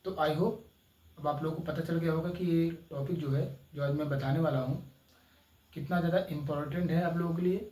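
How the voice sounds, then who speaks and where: A man, teaching a slow YouTube grammar lesson and often checking in with his students. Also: on the high side, fairly even intonation, darkish tone, reverberant, far from the mic, rough recording. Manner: slow, drawn-out explaining with frequent "ठीक है" checks. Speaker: English teacher.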